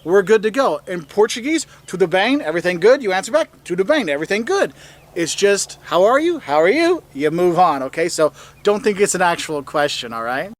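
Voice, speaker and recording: Lively high-voiced man. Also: moderate pace, few pauses. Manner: enthusiastic, jumps up in pitch for quoted phrases. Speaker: travel video host. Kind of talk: travel advice video.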